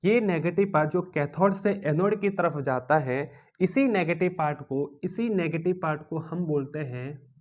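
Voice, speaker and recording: A man's voice: on the high side, measured pace. A man with an Indian accent teaching physics in a classroom lecture, repeating key terms as questions to the class and acting out objects as characters in playful stories. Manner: animated, acts out objects as characters.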